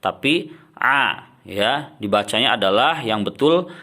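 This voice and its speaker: A man teaching Quran recitation, explaining common mistakes and then chanting verses in a slow, drawn-out way. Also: medium pitch, animated. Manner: ends points with soft drops "ya", "nah".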